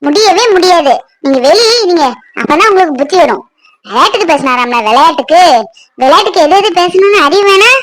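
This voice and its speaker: A woman voicing a hot-tempered young wife and sister in a cartoon, scolding and then excitable. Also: extremely high pitch, brisk, no echo.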